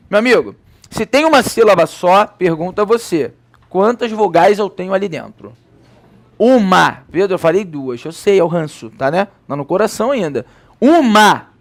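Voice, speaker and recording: A Brazilian man teaching a Portuguese grammar lesson, lively, asking rhetorical questions and answering them himself. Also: high-pitched. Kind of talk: recorded classroom lecture.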